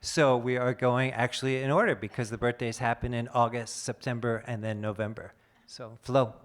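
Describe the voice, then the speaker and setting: A man's voice: medium pitch, fairly even intonation, moderate pace. A man in a mid-range voice moderates a panel at a conference. He introduces the speakers and gives instructions to the audience with a friendly, joking touch. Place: conference hall stage.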